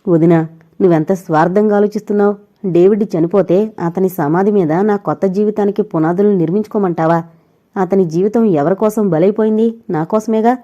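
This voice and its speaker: A woman's voice: mid-range voice, fairly quick, dark tone, lo-fi sound, natural voice. A woman voicing a young married woman who pleads and weeps over her dying lover, in a storybook reading. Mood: pleading. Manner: tearful, pleading.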